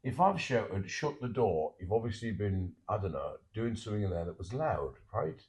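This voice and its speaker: Grumbling man with a husky voice. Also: on the low side, very animated, moderate pace. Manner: grumbling, incredulous. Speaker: partner listening and objecting. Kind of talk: casual banter.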